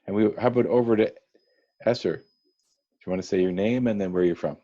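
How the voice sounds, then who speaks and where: A man's voice: fairly low pitch, fast, mellow, lo-fi sound. A man emceeing a virtual dinner over a video call, chatty, calling on guests by name. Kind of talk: casual virtual meeting hosting.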